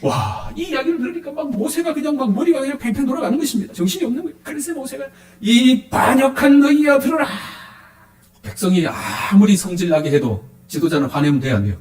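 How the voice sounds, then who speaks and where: Animated preaching man in an echoey hall. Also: extremely high pitch, fast talker, few pauses. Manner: animated, asks the congregation questions. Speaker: pastor. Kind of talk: sermon.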